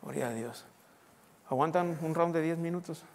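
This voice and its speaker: A man preaches in a loud, excitable sermon style, breaking into exclamations. His voice sits high for a man. The sound rings with a long church-hall reverb. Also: moderate pace, creaky, a little hiss or hum. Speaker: pastor. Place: church sanctuary.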